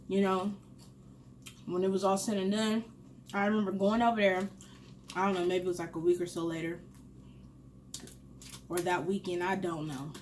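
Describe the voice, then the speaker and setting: A woman's voice: medium pitch, slight background noise. Candid young woman telling a funny story. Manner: candid and animated, swears freely, laughs at her own story. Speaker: mukbang host. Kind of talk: casual storytelling while eating.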